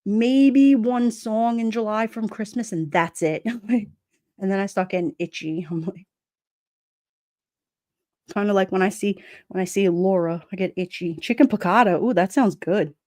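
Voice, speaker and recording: A middle-aged woman with a New York accent, casually chatting on a livestream, sassy and quick to laugh. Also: medium pitch, darkish tone. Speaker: livestream host reading chat. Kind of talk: casual chat.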